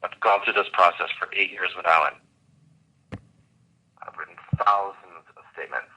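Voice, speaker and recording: Enthusiastic male coach, bright tense voice. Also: low voice, moderate pace, poor audio. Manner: enthusiastic, vivid and expressive. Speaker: host and coach. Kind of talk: coaching call with a guest.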